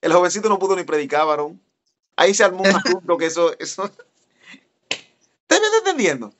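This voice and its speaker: A man, an evangelist telling a story in a sermon and speaking straight to his listeners. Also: brisk. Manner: animated, addresses listeners directly, voice jumps high when excited. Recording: dull lo-fi recording.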